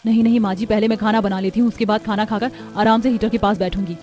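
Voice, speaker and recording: A woman voicing a modest, gentle young village bride in a cartoon story, speaking softly and politely. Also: medium pitch, steady tone, fast talker, soft background music, natural voice. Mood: meek. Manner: soft, polite. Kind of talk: cartoon voice acting.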